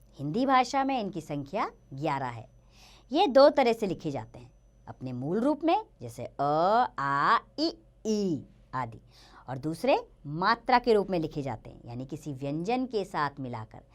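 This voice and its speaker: A woman gives a grammar lesson for children in a lively, up-and-down voice. She explains patiently and draws out each example word slowly and clearly. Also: lowish voice. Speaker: teacher.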